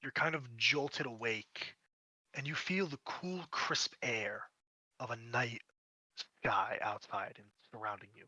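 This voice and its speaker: Male game master for tabletop fantasy narration; crisp bright tone, dramatic emphasis. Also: medium pitch, takes it slowly, no echo, rough recording.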